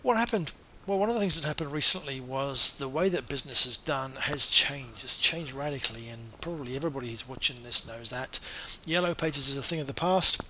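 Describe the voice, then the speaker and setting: A man, a marketing consultant, giving an earnest, persuasive sales pitch and now and then correcting himself mid-sentence. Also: brisk, few pauses, pushed and bright, poor audio.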